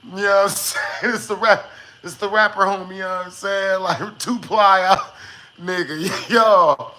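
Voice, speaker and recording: Male streamer, high-pitched, unhurried, joking slangy chat, casual swearing. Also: steady tone, pushed and bright. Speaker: live streamer. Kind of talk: casual livestream chat with viewers.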